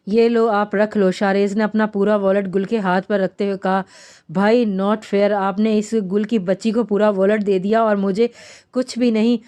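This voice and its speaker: A woman reads a romance novel aloud, carrying both the narration and the characters' dialogue in her own everyday voice. Her tone is mellow and dark rather than bright, and she sits at a middle pitch. She stumbles now and then and restarts her words. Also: flat delivery, moderate pace. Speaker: novel reader.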